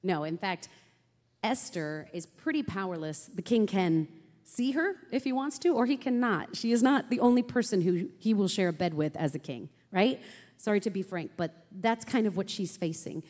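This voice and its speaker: Woman preacher, casual and animated, mid-range voice, heard with long hall reverb. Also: medium pitch, moderate pace. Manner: conversational, animated storytelling with direct questions to listeners. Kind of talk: sermon.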